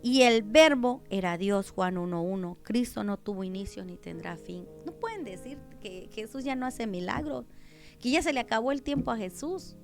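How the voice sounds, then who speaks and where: Mexican lady preaching on the radio, high voice, goes from soft to shouting. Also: expressive, moderate pace, gravelly, faint music behind. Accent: Mexican Spanish. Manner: emphatic, swings from hushed to loud cries. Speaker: pastor. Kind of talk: radio sermon.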